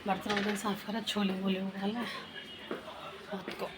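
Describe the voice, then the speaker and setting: Heavy background noise surrounds this woman, whose pitch barely moves as she speaks at a normal pace. She's a family vlogger in her home kitchen and living room, chatting to viewers and cooing at her baby in a high, sing-song way.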